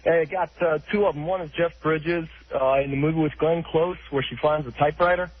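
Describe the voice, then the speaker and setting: A man calling into a radio show, halting and searching for words. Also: on the high side, steady tone, slight background noise. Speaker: caller. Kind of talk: call-in radio talk. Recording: dull lo-fi radio call.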